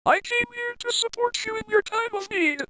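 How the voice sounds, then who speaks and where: A man voicing Donkey, an excitable, panicky and sly talking donkey, in a comic story reading. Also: very high voice, normal speed, music in the background, voice pushed up, rough recording. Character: frantic, randy talking male donkey, squeaky and sly.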